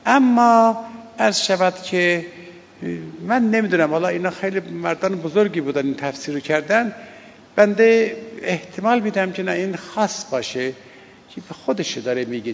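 Gravelly-voiced preacher in a reverberant hall. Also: male voice, a little high. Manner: slow chanting of the prayer, then quick colloquial explanation. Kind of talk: sermon explaining a prayer. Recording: lo-fi recording with long hall reverb.

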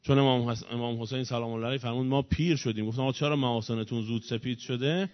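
A man preaching a mourning sermon, his lament swelling from soft telling into loud grieving cries. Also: medium pitch, steady tone. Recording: dull, dry, muffled recording.

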